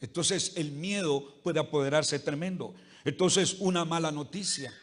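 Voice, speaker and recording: A man's voice: fairly high pitch, measured pace. A male pastor preaching a conversational sermon to a congregation, folksy and humorous, constantly asking "¿verdad?" and calling listeners "hermano". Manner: humorous everyday anecdotes. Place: church service before a congregation.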